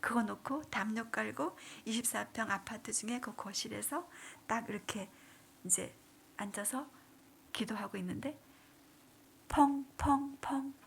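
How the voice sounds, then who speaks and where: A woman's voice: on the high side, moderate pace, vocal fry, fairly bright tone, slight background noise. A woman deaconess giving an emotional church testimony, dropping to whispers and rising into pleading cries. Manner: dramatic, drops to whispers then rises into pleading cries.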